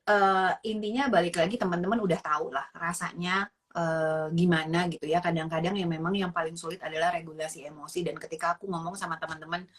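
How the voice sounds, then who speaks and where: A woman's voice: on the low side, fairly even intonation, fast. A woman with an Indonesian accent giving casual parenting advice as a psychologist, mixing English phrases in and acting out parent and child lines.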